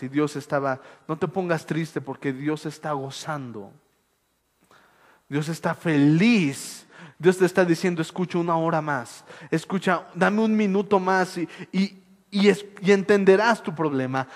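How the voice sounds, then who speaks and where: Male preacher, high voice, moves from hushed to shouting, long church-hall reverb. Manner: animated, swings from soft to shouting. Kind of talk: sermon.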